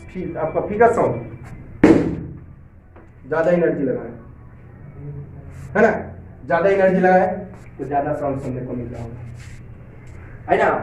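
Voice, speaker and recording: High-voiced male science teacher, roomy. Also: darkish tone. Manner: repetitive, asks check questions often; reads English lines slowly, then explains in Hindi. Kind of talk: classroom lecture for students. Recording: roomy, distant, dull lo-fi sound with faint hiss.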